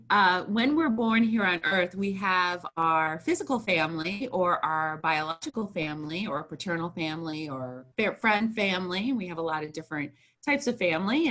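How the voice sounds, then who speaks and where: A woman's voice: lowish voice, bright, forceful tone. A woman co-hosting a casual spiritual conversation, guiding and prompting her partner. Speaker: podcast co-host, former therapist trainee.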